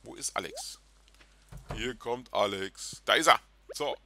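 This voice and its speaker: A chatty, excitable man hosting a video game let's play and talking casually to his viewers. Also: medium pitch, unhurried, gravelly, a little hiss or hum. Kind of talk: casual gameplay commentary. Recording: game music in background.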